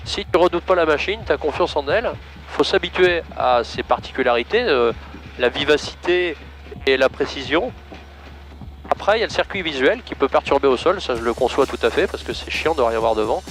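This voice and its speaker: A man coaching a student pilot in a small plane's cockpit over a headset intercom, calm, encouraging and casual. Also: a little high, a little fast. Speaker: flight instructor. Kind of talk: in-flight coaching.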